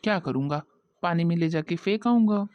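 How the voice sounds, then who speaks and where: A woman voicing a stingy, grumpy village husband in a cartoon, gruff and dismissive. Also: lowish voice, a little fast, dry recording, lightly acted. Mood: grumbling. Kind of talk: cartoon voice acting. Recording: dull lo-fi dry audio.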